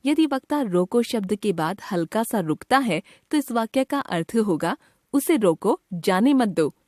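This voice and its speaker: Lively-voiced woman teaching children. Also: mid-range voice, dry recording, studio quality. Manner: clear, measured explaining to children. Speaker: grammar teacher. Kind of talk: scripted lesson narration.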